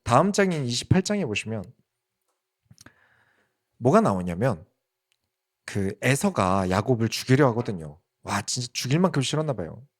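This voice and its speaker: A male pastor giving a sermon in an animated way, asking the congregation questions. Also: mid-range voice, normal speed, pauses often.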